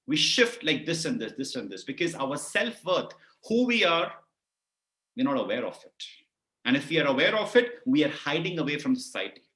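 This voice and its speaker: A man with an Indian English accent giving an animated webinar talk on public speaking, often putting questions to his listeners. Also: a little high, echoey room. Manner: animated, lots of vocal variety, keeps asking the audience questions.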